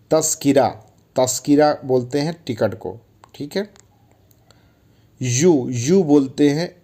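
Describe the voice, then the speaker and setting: A man's voice: medium pitch, dark tone. A man teaching Arabic words in a casual, chatty way, often calling listeners brother and repeating each word for drilling. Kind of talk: casual spoken language lesson.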